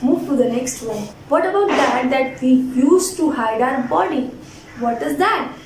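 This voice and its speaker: A woman teaching a children's phonics lesson, sounding words out deliberately and prompting the listener to repeat. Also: high voice, lively intonation. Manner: deliberate spelled-out enunciation, sounding words out for repetition. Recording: roomy echo, distant mic, faint noise.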